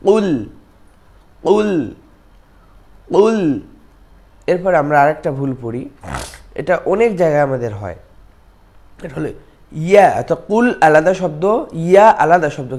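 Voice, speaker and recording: A man teaching Quran recitation. He chants slowly and stretches the words out, then explains pronunciation and repeats the sounds to show them. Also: a little high, darkish tone.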